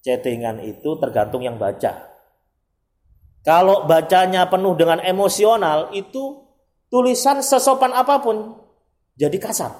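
A man's voice: high voice, animated, measured pace, long pauses, a little mellow, echoey room. A man giving an emphatic religious study lecture, sprinkling Arabic phrases and acting out everyday dialogue. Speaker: Islamic preacher.

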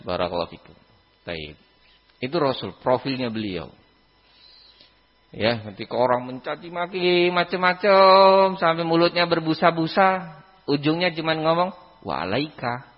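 Male mosque teacher, husky, lively, filler-heavy; dull lo-fi mosque recording. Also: fairly high pitch, measured pace, pauses often, in a large hall. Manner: lively, keeps repeating a pious filler phrase. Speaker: Islamic teacher. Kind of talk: mosque religious lesson.

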